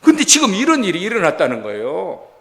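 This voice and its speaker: Male pastor, lively Sunday sermon, long church-hall reverb. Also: high voice, fast talker. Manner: animated, acts out quotes, asks congregation rhetorical questions. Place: church sanctuary.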